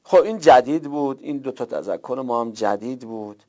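A man's voice: mid-range voice, animated, darkish tone, muffled recording. A man teaching a class on Arabic word forms, explaining points step by step and often repeating words and stressing what is new. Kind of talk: classroom lecture.

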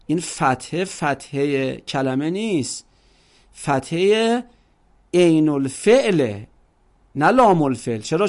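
A man teaching an Arabic grammar lesson, explaining patiently, drawing words out and asking rhetorical questions. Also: a little high.

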